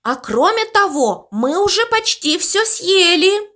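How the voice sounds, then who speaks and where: A woman's voice: very high-pitched, sing-song, a little slow, a bit bright, pitched above the performer's own voice, full character voice. A woman voicing a cheeky male guinea pig in a storybook reading, teasing in tone.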